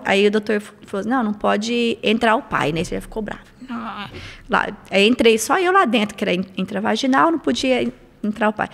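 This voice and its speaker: A woman's voice: mid-range voice, in a large hall. A Brazilian woman in her forties, a podcast guest, telling a personal story in casual chat and laughing as she goes. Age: 40s. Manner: animated, laughing as she tells it.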